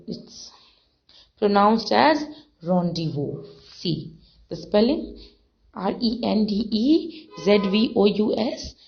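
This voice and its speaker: A woman teaching an English textbook lesson, reading passages aloud and explaining words slowly, with many fillers and repetitions. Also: mid-range voice, gravelly. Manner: slow, repeats and defines words, many fillers. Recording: dull lo-fi recording.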